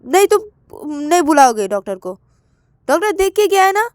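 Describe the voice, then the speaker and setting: A patient young woman in a storybook romance, played by a woman narrator, coaxing and reassuring over and over. Her voice sits high and bright. The recording is close and dry. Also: normal speed, no room sound, lightly acted. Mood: soothing. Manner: coaxing, reassuring, repeats herself.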